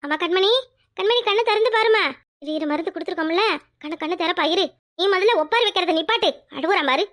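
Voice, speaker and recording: A woman's voice: very high voice, fast talker, a bit bright. A woman voicing a scolding yet caring old village grandmother in a cartoon, with a Tirunelveli Tamil accent. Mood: fretting. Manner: scolding, fussing, chatty. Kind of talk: cartoon voice acting.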